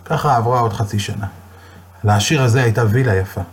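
A man telling a moral story in a lively, dramatic storytelling style. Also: medium pitch, husky. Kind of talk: storytelling sermon.

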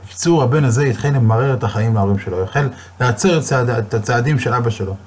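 A man telling a moral story in a lively, dramatic storytelling style. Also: mid-range voice, a little hiss or hum. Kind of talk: storytelling sermon.

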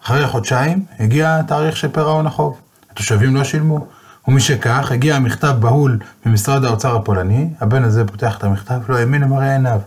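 A man telling a moral story in a lively, dramatic storytelling style. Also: mid-range voice. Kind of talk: storytelling sermon.

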